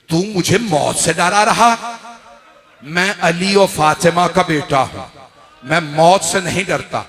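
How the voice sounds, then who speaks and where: A man from Pakistan delivering a mourning sermon, retelling scenes with voiced quotes, swinging from hushed low tones to loud drawn-out wailing cries. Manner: builds to high wailing cries, then drops to hushed quiet; urges the audience to look at him. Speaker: religious scholar preaching a majlis.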